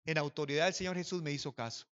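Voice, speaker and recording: A man preaching a sermon as pastor, telling a personal story and swinging from hushed to loud. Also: a little high, fast, clean tone, highs cut off.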